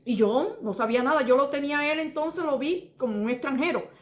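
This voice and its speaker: A woman's voice: high-pitched, fairly quick. Earnest Cuban woman testifying, roomy sound. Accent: Cuban Spanish. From Cuba. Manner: earnest, rambling, restarts and repeats details, addresses listener as brother. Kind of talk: personal testimony. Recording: roomy echo.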